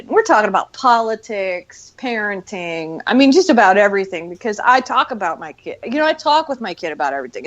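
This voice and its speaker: A middle-aged woman co-hosting a show, telling stories in a loud, projecting, profane voice. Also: a little high. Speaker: show co-host. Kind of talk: casual chat. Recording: muffled lo-fi audio.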